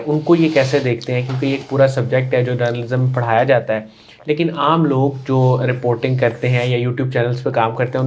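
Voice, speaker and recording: A man hosting an interview show, introducing his guest and asking polite, formal questions. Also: mid-range voice. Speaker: interview host.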